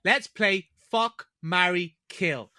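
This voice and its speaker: A podcast host playfully introducing a game segment with drawn-out emphasis. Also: mid-range voice, pushed and bright, clean tone, dry recording, studio quality. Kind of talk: casual podcast chat, segment hosting.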